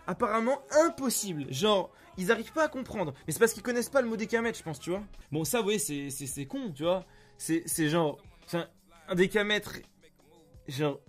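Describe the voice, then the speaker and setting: A man streaming live gameplay, commenting excitably, often swearing and yelling at the game. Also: high voice.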